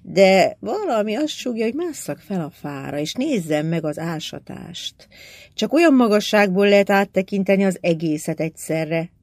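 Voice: medium pitch, very animated, darkish tone, no echo. Reader as a determined young woman, curt commanding tone, audiobook, dry close sound. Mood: insistent. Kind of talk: audiobook character voice.

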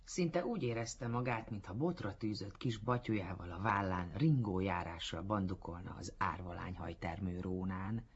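A man reading a literary story aloud in a measured storytelling manner, on a dull lo-fi recording. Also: deep voice. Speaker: narrator. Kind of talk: literary audiobook narration.

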